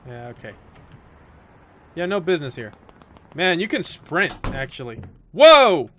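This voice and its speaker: A man's voice: fairly high pitch, lively intonation, moderate pace, bright, forceful tone, slight background noise. A man doing gameplay commentary on a horror game, reading the game text aloud and swearing and joking as he plays. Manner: swears and jokes at jump scares. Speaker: let's play gamer.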